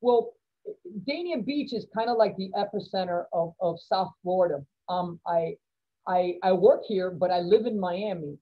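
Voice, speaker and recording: A middle-aged city manager, appearing as a guest speaker, answers questions in an online lecture from her office, where a poster hangs on the wall. With a lowish voice she sounds upbeat and encouraging, listing points in quick bursts. Her laptop webcam on the video call gives dull, lo-fi audio.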